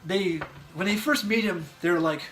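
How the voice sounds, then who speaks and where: Animated man chatting over faint music. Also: high voice, normal speed. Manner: animated, acts out quotes with loud yells; rambling with restarts. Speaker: podcast co-host. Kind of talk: casual movie review chat.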